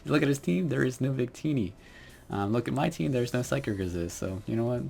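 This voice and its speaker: A young man commentating his own Pokemon battle quietly, with lots of fillers and restarts. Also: medium pitch, expressive, a little fast, vocal fry, slightly rough, faint music behind. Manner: quiet, hesitant, many fillers. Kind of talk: game commentary.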